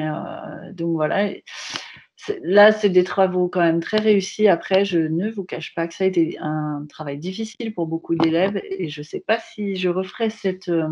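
Woman art teacher presenting online, low voice, halting delivery, muffled call audio. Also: a little mellow, a little hiss or hum. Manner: hesitant, many filler sounds and restarts. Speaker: visual arts teacher. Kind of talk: workshop presentation of a class project.

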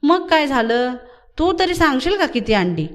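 A woman's voice: high-pitched, sing-song, normal speed, voice pushed up. A woman reading aloud and voicing a village mother who is firm and scolding but fond of her son.

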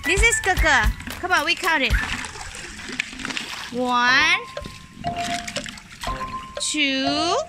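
A cheerful mother narrates her children's backyard games from behind the camera, laughing as she goes. Her voice sits very high and swings widely in pitch, and she talks slowly. Loud background music runs under everything she says. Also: expressive. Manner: cheerful, laughs often, mixes in Indonesian phrases. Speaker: mother hosting a family pool-game video. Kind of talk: casual family vlog commentary. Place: backyard lawn beside a garden pool, outdoors.

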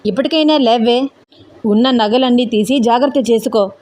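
A woman's voice: a little high, fairly even intonation, normal speed, a little mellow, close to an everyday voice. A woman voicing a strict young husband in an audio story, scolding and commanding. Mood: stern.

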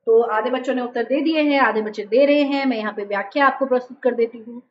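High-voiced woman teaching an online class. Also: muffled recording, slight background noise. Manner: explains step by step, repeatedly urges quick answers. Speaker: exam-prep teacher. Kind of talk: online live-class lecture.

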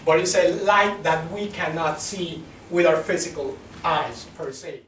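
High-voiced man lecturing in echoey room. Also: unhurried, fairly bright tone, recorded from a distance, slight background noise. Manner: philosophical, repeats and restarts. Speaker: beekeeping instructor. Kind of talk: reflective lecture.

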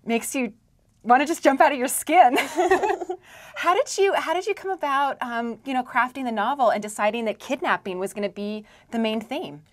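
A woman's voice: high voice, normal speed. Young woman, interviewer, chatty, restarts often, studio. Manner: chatty, many restarts and fillers. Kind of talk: book interview. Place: studio with dark backdrop.

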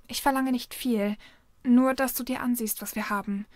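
A woman voicing a determined young woman who speaks quickly and cuttingly. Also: fairly high pitch, fairly even intonation, no echo, studio quality, natural voice. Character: determined young woman, sharp yet nervous.

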